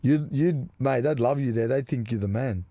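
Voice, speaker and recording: A man's voice: medium pitch, normal speed, warm tone, dry recording. A middle-aged man from Macedonia, co-hosting a podcast in casual chat, laid-back and swearing freely. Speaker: podcast co-host. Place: small caravan music studio.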